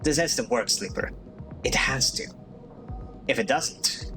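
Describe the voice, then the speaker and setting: A man's voice: medium pitch, a little slow, soft background music, lightly acted. A man doing a weary, blunt loyal man. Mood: urgent. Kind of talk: reading a game aloud.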